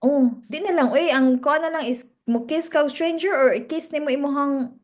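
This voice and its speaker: High-pitched and speaking at a moderate pace, this Cebuano-accented podcast co-host from Cebu, Philippines, keeps the chat casual. She blends English and Cebuano and laughs a lot.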